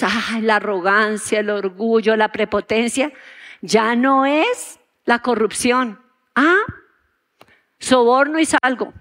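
A woman with a high voice preaches a sermon in a church auditorium. She keeps asking her listeners questions and acts out the prayers she quotes. Her voice rings with the long reverb of the hall. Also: a bit bright.

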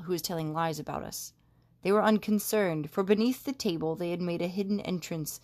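Female scripture reader, somewhat low voice, even measured delivery. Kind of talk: reading scripture aloud.

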